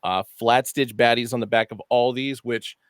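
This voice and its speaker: A man co-hosting a casual online show about new hats, chatty and animated, often correcting himself mid-sentence. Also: medium pitch, moderate pace, clear, resonant tone, dry recording, studio quality. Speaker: co-host presenting hats. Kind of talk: casual product show talk.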